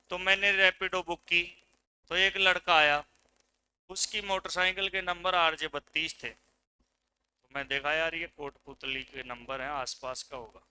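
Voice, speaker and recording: Forceful man teaching a class. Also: high voice, clear, resonant tone, low-quality recording. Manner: drills students with repeated questions and answers; gives dictation commands. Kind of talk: classroom lecture.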